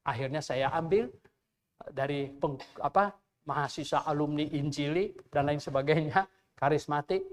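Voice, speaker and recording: A man's voice: a little high, moderate pace. An older man, a pastor, preaching a Sunday sermon in church in a conversational, storytelling way full of rhetorical questions. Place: church during a Sunday service.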